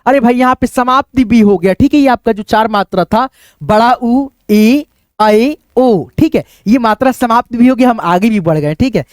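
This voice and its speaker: A man's voice: high voice, a little mellow, dry recording, studio quality. A male teacher giving a patient, step-by-step spelling lesson, checking in often with his students as he writes and explains. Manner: patient, repeats "ok" and "friends" as he goes; thinks aloud while writing on a board or screen. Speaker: English teacher.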